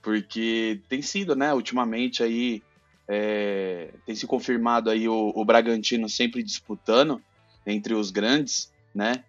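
A man's voice: lowish voice, slow, muffled recording, faint music behind. A man on a podcast panel chatting casually about football, using slang and repeating his phrases.

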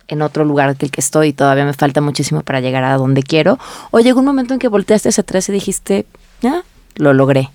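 A woman's voice: deep voice, darkish tone, no room sound. A woman interviewer asking reflective questions in a conversational interview. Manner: asks reflective questions, brief backchannels.

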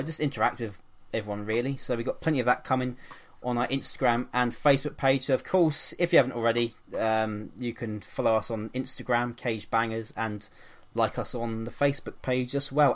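A man from England hosting a casual podcast, chatty and upbeat, with frequent ums and fillers. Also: mid-range voice. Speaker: podcast host.

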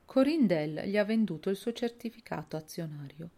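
A woman's voice: mid-range voice, lively intonation, normal speed, dark tone. A woman voicing a cool, businesslike young woman.

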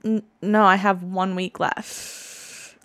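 A woman's voice: mid-range voice, level tone, takes it slowly, a bit bright, dry recording. A woman in her thirties co-hosting a podcast in casual chat, talking loosely with lots of "like" and frequent laughs. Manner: chatty, laughs often, says "like" a lot. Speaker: podcast co-host.

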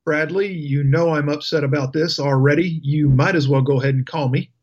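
A man's voice: fairly high pitch, fairly even intonation, brisk, husky, highs cut off. A male talk radio host delivering an indignant, sarcastic political rant. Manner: indignant, emphatic ranting with sarcasm.

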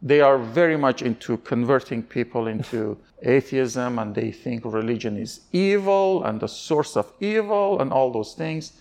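A man's voice: medium pitch, a little slow, creaky, hardly any pauses, a little mellow. A man from Iran, giving candid interview answers in an earnest, searching way, often restarting his sentences.

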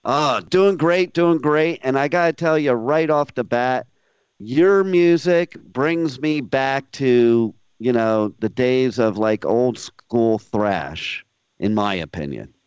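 A man's voice: medium pitch, slow pace, smooth, no room sound. A man hosting a radio show, interviewing a guest in a casual conversational way. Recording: dry, slightly dull radio audio.

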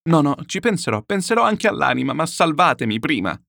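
A man's voice: medium pitch, very animated, a little fast, creaky, no echo, studio quality. A man voicing a desperate, ruined middle-aged swindler who pleads and laments in a frantic, self-pitying way. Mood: frantic pleading.

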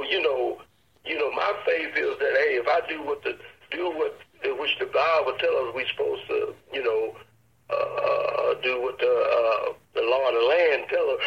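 A man's voice: on the high side, gravelly. Folksy older man with an Arkansas accent, lo-fi. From Arkansas, United States. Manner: folksy, halting. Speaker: guest, church elder and teacher. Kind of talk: casual interview talk on faith. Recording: dull lo-fi radio or phone line.

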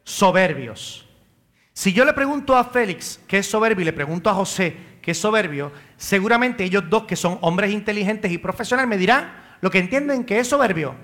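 Preaching a sermon in church, a priest with a Caribbean Spanish accent speaks in a high, bright, forceful voice with lively intonation and a slightly fast pace. He poses questions, answers them himself, and calls out congregation members by name.

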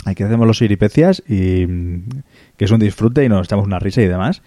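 A man's voice: lowish voice, lively intonation, quick pace, mellow, no echo, studio quality. A man co-hosting a podcast, explaining a point earnestly and at length with many restarts. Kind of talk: casual chat.

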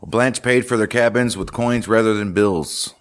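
A man's voice: on the low side, unhurried. A man co-hosting a true-crime podcast, reading case notes aloud and then chatting about them casually. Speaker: podcast co-host.

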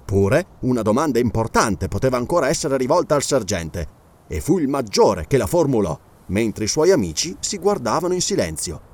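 A man narrating a novel aloud in a measured, expressive storytelling manner. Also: medium pitch. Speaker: audiobook narrator.

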